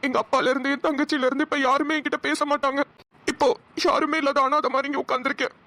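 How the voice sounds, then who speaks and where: A woman's voice: high voice, little pitch movement, fast talker, pushed and bright. A woman voicing a sorrowful lonely young man. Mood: sad, lonely. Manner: mournful, heavy-hearted delivery. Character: sad lonely young man, caring brother. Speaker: cartoon voice actor. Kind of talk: Tamil cartoon dialogue.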